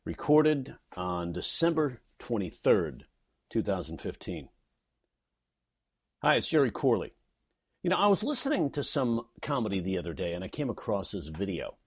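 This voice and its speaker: A man's voice: on the low side, sing-song, normal speed, slightly rough. A man from New York reading his own blog post aloud, sarcastic and wisecracking as he pokes fun at someone. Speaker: comedy writer and teacher.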